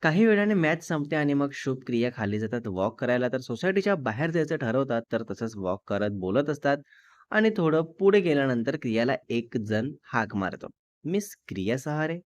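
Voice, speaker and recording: A man's voice: mid-range voice, big pitch swings, fairly quick, no room sound. A man narrating a romantic audio story in a chatty, casual way, mixing in English words.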